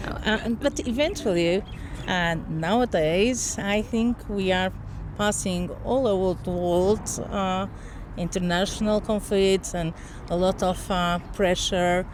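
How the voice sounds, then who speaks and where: Portuguese lady in her 50s, slow careful english, stops to find words, traffic noise behind her. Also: medium pitch. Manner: thoughtful, halting, searches for words. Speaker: interviewee. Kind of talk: street interview. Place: outdoors in a city. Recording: street noise, outdoors.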